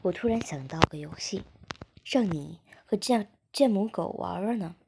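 A woman voicing a dominant young man who speaks in a teasing, controlling way, with her own breathy, husky tone. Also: medium pitch, expressive, moderate pace, background noise.

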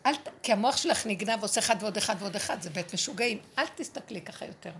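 A woman's voice: mid-range voice, expressive, background noise. A woman giving a spiritual lesson to a group, talking emphatically and acting out prayers and dialogue. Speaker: spiritual teacher.

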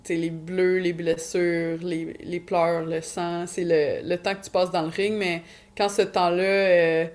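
A woman's voice: fairly low pitch, level tone, measured pace, a little mellow. A woman with a Quebec French accent giving casual interview answers, informal and sprinkled with English words. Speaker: Muay Thai fighter and coach.

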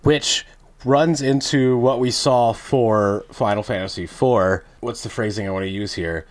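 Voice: mid-range voice, a little slow. A co-host in a casual chat about a video game who makes dry, joking asides. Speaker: podcast co-host.

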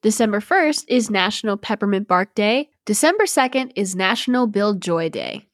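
A woman's voice: medium pitch, lively intonation, normal speed, dry recording, studio quality. A woman co-hosting a children's podcast, reading scripted educational narration. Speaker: podcast co-host.

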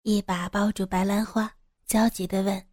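A woman reads a serialized audio story in a calm, steady way. Her voice is mellow and sits in a mid range. The sound is close and dry. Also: mid-range voice, normal speed, no room sound. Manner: calm, steady, descriptive reading. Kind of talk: scripted audio story narration.

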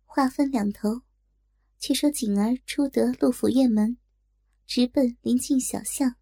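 Brief: woman narrator, high and slow, gravelly edge, dark tone, dry close sound. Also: no echo. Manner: slow, deliberate storytelling. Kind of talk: scripted story narration.

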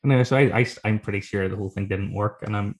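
A man's voice: lowish voice, fast. A man, chatting casually as a guest author, telling rambling, self-deprecating, sweary anecdotes. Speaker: guest author telling stories from his book.

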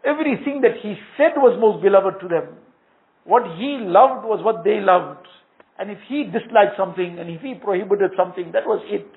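High, gravelly man preaching over tinny sound. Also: moderate pace. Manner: earnest storytelling, sprinkled with Arabic phrases. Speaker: Islamic preacher. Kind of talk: sermon.

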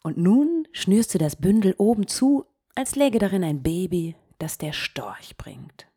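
A woman hosting a guided meditation podcast, speaking softly and gently, often sinking into a whisper. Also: mid-range voice, sing-song, breathy edge. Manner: slow, soft-spoken, gently guiding, drops into whispers.

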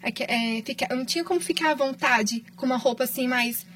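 A Brazilian woman with a high voice tells her story warmly and with feeling, chatting casually on a podcast. She sounds a little far from the mic. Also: fast, slight background noise. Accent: Brazilian Portuguese. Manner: emotional, affectionate storytelling with frequent laughs. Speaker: patient guest.

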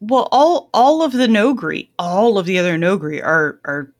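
A woman's voice: mid-range voice, very animated, normal speed. A woman hosting a podcast, recapping a book's plot and then chatting casually in a self-deprecating way. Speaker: podcast host.

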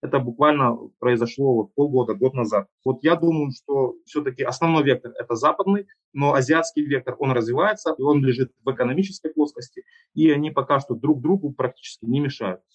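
A husky-voiced man from Ukraine answers interview questions as a political analyst. He speaks in a measured, deliberate way and often fills pauses with hesitation sounds. The audio is dull and lo-fi, like a remote connection. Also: mid-range voice.

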